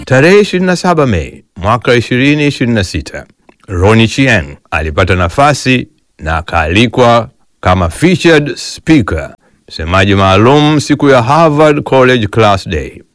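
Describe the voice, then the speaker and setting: A man narrating a news story in a clear announcer delivery. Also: mid-range voice, very animated, normal speed.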